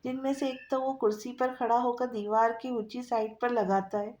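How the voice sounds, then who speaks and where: A woman narrating a romance novel aloud in a steady storytelling manner. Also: fairly high pitch. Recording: echoey room.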